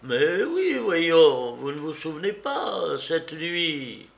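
A man voicing a timid elderly bishop who speaks softly and hesitantly in an audiobook reading. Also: fairly high pitch, big pitch swings, slow, gravelly, heavily acted. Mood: gentle hesitant. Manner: gentle, hesitant. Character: timid elderly male bishop, soft trembling voice.

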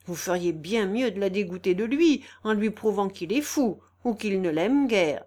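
A woman voicing a scolding, sharp-tongued older housekeeper who chides loudly in a storybook reading. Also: medium pitch, animated, moderate pace, lightly acted. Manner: loud, chiding, exasperated.

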